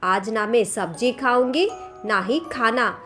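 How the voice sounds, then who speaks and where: A woman's voice: on the high side, unhurried. Woman voicing a scolding cartoon mother-in-law. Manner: scolding, sharp-tongued. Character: bossy older mother-in-law, quarrelsome and scolding. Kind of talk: cartoon story voice acting. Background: background music.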